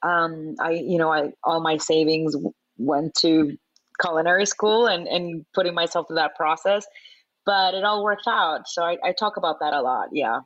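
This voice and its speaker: A woman in her forties from Venezuela, a chef chatting as an interview guest, animated and laughing often, with lots of fillers. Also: low-pitched, moderate pace, dry recording, dull audio. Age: 40s. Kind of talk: casual interview chat.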